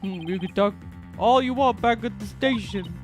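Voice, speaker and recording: A woman voicing a gruff male police officer while reading a game aloud, with commanding delivery. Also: mid-range voice, moderate pace, faint music behind, lightly acted. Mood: stern.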